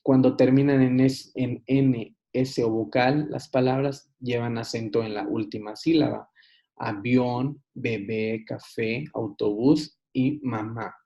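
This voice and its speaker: A man giving a recorded online lesson, unhurried, with frequent hesitations and restarts. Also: mid-range voice, fairly even intonation, creaky. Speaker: teacher. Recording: dull lo-fi recording.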